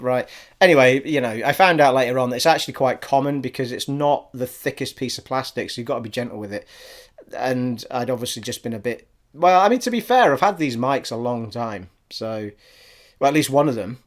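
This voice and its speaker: A Scottish man who grew up abroad in army schools, and so speaks with a generic English accent, rambles cheerfully through a casual gaming vlog from his living room. He is chatty and says "people" a lot, recording on a studio USB microphone on an arm. His medium-pitched voice is fairly quick.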